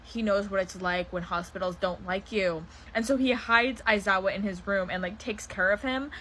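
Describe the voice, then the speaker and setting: A woman's voice: medium pitch, moderate pace, fairly bright tone, a little hiss or hum. A young woman casually chatting as she recommends fanfiction, rambling with frequent fillers and laughs. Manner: rambling, lots of "um" and "like", laughs often. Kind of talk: casual chat.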